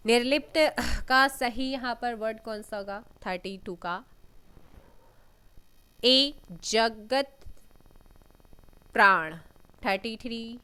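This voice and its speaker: A woman teaching an exam-prep lesson, reading out questions and giving answers, often clearing her throat. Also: on the high side, a bit bright. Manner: unhurried, reads questions then gives answers, frequent throat clearing.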